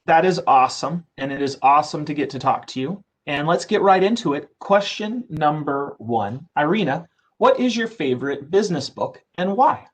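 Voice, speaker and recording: In a casual interview, a council host with a high-side, expressive voice talks at a moderate pace. He chats warmly and reads the guest's background aloud.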